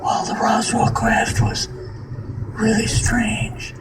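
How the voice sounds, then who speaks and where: An elderly man with a weak, whispery voice, recounting his experiences haltingly in an interview. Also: high-pitched, level tone, heavy background noise. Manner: halting, with long pauses. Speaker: interviewee recounting past government service. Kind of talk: slow personal recollection in an interview. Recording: roomy, distant mic under loud music.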